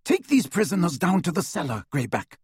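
A man's voice: on the high side, huge pitch swings, fairly quick, a little mellow, husky, no room sound, pitched above the performer's own voice, exaggerated voice. Cast a man playing a proud lady of the house, indignant and clipped, dry tone. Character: proud aristocratic witch, protective mother.

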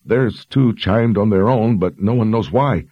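A man's voice: on the low side, measured pace, dry recording, highs cut off, voice pushed up. A man voicing a frightened, dutiful young woman sergeant who speaks earnestly and deferentially. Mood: anxious.

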